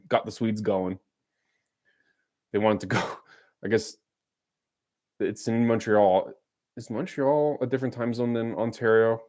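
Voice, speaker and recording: This is a man with a lower, darkish voice running a live hockey watch-along. Chatty and teasing, he mixes calling the game with casual back-and-forth with his viewers.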